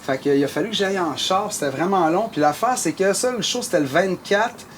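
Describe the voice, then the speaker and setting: A man with a Québécois French accent tells a story in relaxed conversation. His voice sits high, and he rambles with plenty of fillers and restarts. A faint ambient hum runs underneath. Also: a little fast. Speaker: musician telling a story. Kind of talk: casual storytelling chat.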